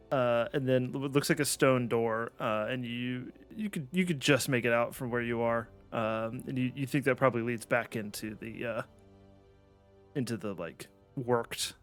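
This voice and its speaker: A man narrating a tabletop game as game master, halting and full of fillers. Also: mid-range voice.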